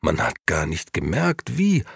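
A man reading the part of an old street sweeper who speaks slowly and pauses to think. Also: low voice, wildly swooping pitch, gravelly, a bit bright, husky, no echo, studio quality, exaggerated voice. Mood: thoughtful. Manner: slow, pondering, pausing. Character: old male street sweeper, slow, thoughtful. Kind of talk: audiobook reading.

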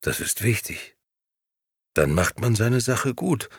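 A man reading the part of an old street sweeper who speaks slowly and pauses to think. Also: fairly low pitch, sing-song, creaky, breathy edge, no echo, clean studio sound, exaggerated voice. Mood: thoughtful. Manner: slow, pondering, pausing. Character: old male street sweeper, slow, thoughtful. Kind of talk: audiobook reading.

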